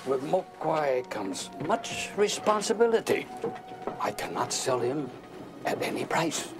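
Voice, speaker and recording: A man's voice: on the high side, very animated, slow, over loud music, heavily acted. An older man playing a solemn grandfather who keeps a shop, grave and terse, in a film. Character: solemn old Chinese grandfather shopkeeper. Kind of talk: film acting.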